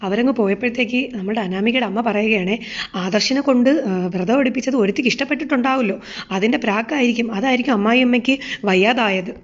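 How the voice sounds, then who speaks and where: A woman's voice: a little high, fast talker. A woman casually retelling a TV serial episode, chatty, full of fillers and asides to the listener. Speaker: serial recap narrator. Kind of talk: casual spoken episode recap with quoted dialogue. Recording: dull lo-fi sound.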